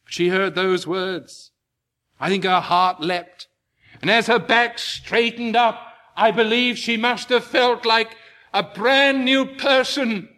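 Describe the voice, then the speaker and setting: A man preaching a sermon to his congregation, slow and emphatic, rising into impassioned peaks. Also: extremely high pitch, sharp tone.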